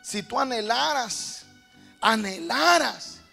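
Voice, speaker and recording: High-pitched gravelly male preacher. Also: lively intonation, slow, faint music behind. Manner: builds to shouted, rhythmic preaching with repeated phrases; addresses listeners as brothers. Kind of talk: sermon.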